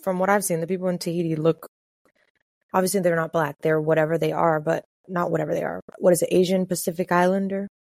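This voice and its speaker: A woman from the Caribbean, co-hosting a podcast in casual chat, chatty and quick to laugh. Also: lowish voice, fairly even intonation, vocal fry, darkish tone, no room sound, studio quality. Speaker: podcast co-host.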